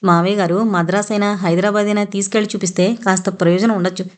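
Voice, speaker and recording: A woman reading an audio novel, voicing a gentle young wife consoling her husband. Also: medium pitch, steady tone, fast, close to an everyday voice.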